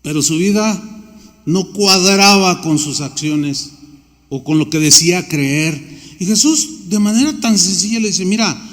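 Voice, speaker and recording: A male pastor delivers a conversational sermon in a notably high voice, slipping into little acted dialogues. The sound carries the long reverb of a large church hall. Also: animated, a little slow, fairly bright tone. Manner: conversational preaching, acts out dialogue.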